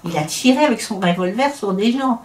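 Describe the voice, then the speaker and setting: A woman's voice: mid-range voice, lively intonation, brisk, darkish tone, slight background noise. Opinionated talkative Frenchwoman in echoey room. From France. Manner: talkative, opinionated, many restarts. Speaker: interviewee. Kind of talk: casual conversation. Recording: roomy echo.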